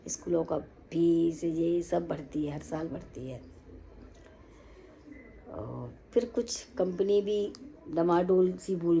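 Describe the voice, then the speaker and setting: A woman's voice: lowish voice, gravelly, warm tone, rough recording. A middle-aged woman chatting casually to viewers in a home vlog, speaking to them as friends and family. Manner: chatty, addresses viewers as sister and brother. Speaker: home vlogger.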